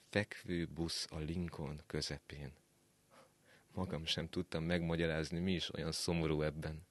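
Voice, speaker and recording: Deep-voiced man reading a story calmly. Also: no room sound. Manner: measured, calm storytelling with soft dropped endings. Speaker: reader. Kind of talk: scripted narration. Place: radio studio.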